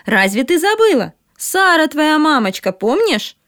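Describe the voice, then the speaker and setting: A woman voicing a kind young schoolgirl who coaxes gently but firmly. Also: high voice, big pitch swings, measured pace, no echo, clean studio sound, voice pushed up, exaggerated voice. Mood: coaxing. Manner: gentle but firm coaxing.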